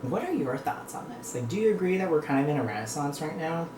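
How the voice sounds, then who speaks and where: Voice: medium pitch, expressive, quick pace, a little mellow. A North American vlogger chatting casually and reflectively to viewers, rambling between bites while eating. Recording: echoey room with clear background noise.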